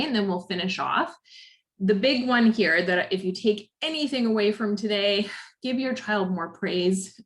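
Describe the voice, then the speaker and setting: Canadian woman, therapy director giving a recorded parent workshop, friendly explainer, average pitch. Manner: friendly, explanatory, with frequent "um" and "right?". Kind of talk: recorded lecture over slides.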